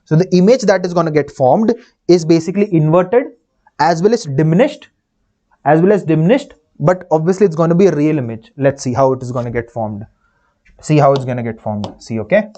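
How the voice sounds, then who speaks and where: Higher-voiced Indian man teaching physics. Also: brisk, warm tone, dull audio. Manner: repeats phrases, questions and answers himself; informal, checks understanding with tag words. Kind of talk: live online lecture, solving problems step by step.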